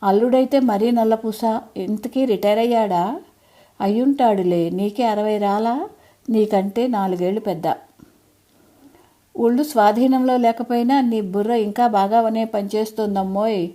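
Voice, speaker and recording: A woman's voice: medium pitch, moderate pace, dark tone, close to an everyday voice. A woman reading an audio story, voicing a frail, proud elderly mother who chides and teases in homely, old-fashioned speech. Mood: wry chiding.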